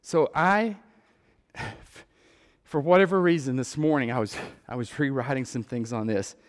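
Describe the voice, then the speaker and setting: A man's voice: mid-range voice, measured pace. Texan man preaching in a reverberant hall. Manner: earnest, repeats words, rises to loud emphatic peaks. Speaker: lay preacher. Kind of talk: sermon-style testimony.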